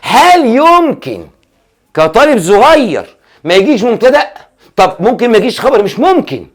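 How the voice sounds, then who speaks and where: A man's voice: very high-pitched, big pitch swings, normal speed. A male Arabic grammar teacher with an Egyptian accent gives a classroom lesson, quizzing aloud and answering his own questions, often stretching out key words for emphasis.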